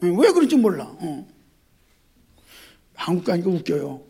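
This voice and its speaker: A male pastor giving an animated sermon, addressing the congregation directly, repeating key words and mixing in jokes. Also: sits high, moderate pace, husky.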